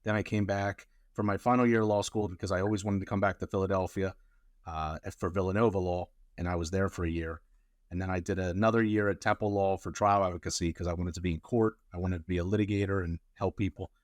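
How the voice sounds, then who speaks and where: A man with a very deep voice talks casually about his work as a lawyer. He wanders through his answers with fillers and restarts. The sound is close and dry, with no room around it. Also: steady tone, fast, no echo. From Colombia. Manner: rambling, many fillers and restarts. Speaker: immigration lawyer, guest.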